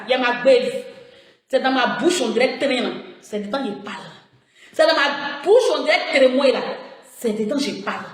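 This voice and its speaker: A high-voiced woman with an Ivorian French accent, heated and taunting, her pitch swinging widely as she mocks in a sing-song tone. She streams live from her phone, and the room around her is full of strong echo. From Côte d'Ivoire. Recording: very echoey room sound.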